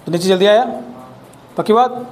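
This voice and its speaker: A man's voice: sits high, a little fast, darkish tone. Chatty male physics teacher, teasing class. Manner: chatty, teasing students with rhetorical questions.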